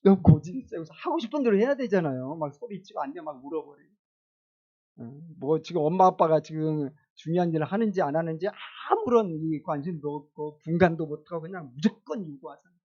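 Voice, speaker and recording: High-voiced pastor preaching conversationally. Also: male voice, lively intonation, fairly quick, a little mellow, husky, dull audio. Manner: conversational preaching with rhetorical questions and chuckles. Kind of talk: sermon.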